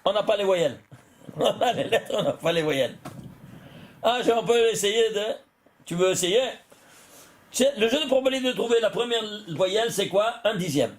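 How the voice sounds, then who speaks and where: A man's voice: high-pitched, expressive, normal speed, pauses often. A man, a rabbi, teaching a Torah lesson, chuckling often, restarting phrases and checking that his listeners follow. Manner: talks directly to listeners, checking they follow; chuckles often while explaining.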